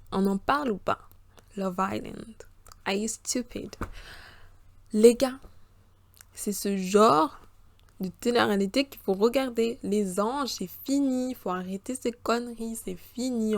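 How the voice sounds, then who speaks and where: A woman's voice: medium pitch, no echo. Chatty young woman with slangy banter. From Republic of the Congo and Central African Republic. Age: 20s. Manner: chatty, slangy, swearing on her mother, switching into voices. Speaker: podcast host. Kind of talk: casual solo chat.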